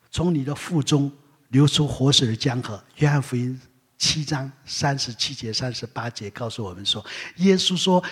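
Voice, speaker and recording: A man's voice: mid-range voice, breathy edge. A male preacher teaching a congregation, earnest, repeating his points and checking that listeners understand. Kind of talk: sermon teaching. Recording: long reverb in a hall.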